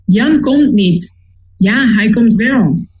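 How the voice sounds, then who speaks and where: A woman's voice: medium pitch, lively intonation, very slow, a little mellow, breathy edge, low-quality recording. A woman in an online language lesson, reading example sentences and adding short explanations.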